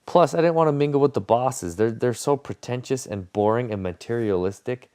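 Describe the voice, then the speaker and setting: A man's voice: mid-range voice, fairly quick, darkish tone, no echo, studio quality. A young man telling a work story in a casual, sarcastic, ranting way, mocking his bosses. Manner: sarcastic ranting, mocks bosses in put-on pompous voices.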